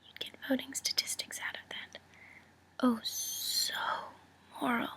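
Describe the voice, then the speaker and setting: A woman playing a cool, calculating female mobster in a whispered role-play, breathy, teasing and condescending, delivering a friendly threat. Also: high-pitched, level tone, unhurried, sharp tone, full character voice. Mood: veiled threat.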